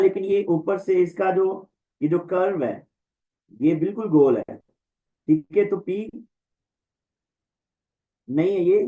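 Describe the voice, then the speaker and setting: A man teaching an online Greek class, slowly reciting and repeating letter names for students to follow. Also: high-pitched, warm tone, rough recording. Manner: slow, repetitive recitation, drawing out letter names. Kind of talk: online class lesson, drilling the alphabet.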